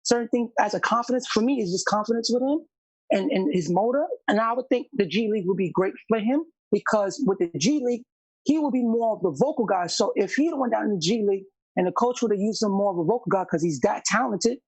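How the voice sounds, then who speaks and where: A man in a casual sports debate, insistent and halting, often repeating words as he makes his point. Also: high-pitched, lively intonation, darkish tone, slightly rough, no room sound, poor audio. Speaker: basketball podcast panelist.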